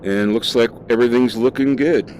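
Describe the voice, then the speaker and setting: A man's voice: medium pitch, fairly quick, a little mellow, a little hiss or hum. A man casually talking through a flight simulator session, thinking aloud with fillers as he flies. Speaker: flight sim streamer. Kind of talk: casual gameplay commentary.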